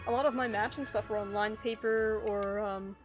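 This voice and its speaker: A woman's voice: medium pitch, fairly even intonation, normal speed. A woman hosting a gaming stream, chatting casually, laughing often and reading out chat. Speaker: streamer and host. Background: faint game music.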